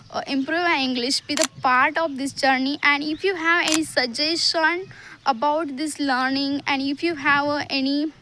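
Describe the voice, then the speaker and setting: A woman with an Indian accent from Maharashtra, talking to camera in halting learner English with many hesitations and restarts. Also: high voice, bright, forceful tone, a little hiss or hum. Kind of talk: casual talk to camera.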